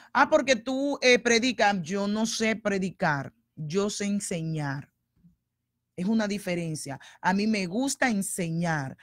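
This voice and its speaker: Woman pastor, teaching sermon, animated and chatty, mid-pitched, dry close sound. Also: no room sound. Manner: animated, conversational, acts out quoted voices.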